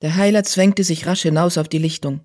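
A man narrating an animal adventure audiobook in a steady, dramatic storytelling manner. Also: sits high, fairly quick.

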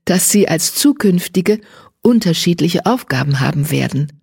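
A reader voicing a caring, cautious mother she-cat who speaks gently. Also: medium pitch, lively intonation, normal speed, gravelly, slightly rough, dry recording, clean studio sound. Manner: gentle and worried.

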